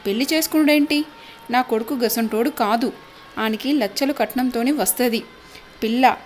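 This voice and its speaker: A woman voicing a loud, lamenting middle-aged village mother. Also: moderate pace, a little hiss or hum, natural voice. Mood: wailing. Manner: shrill, lamenting.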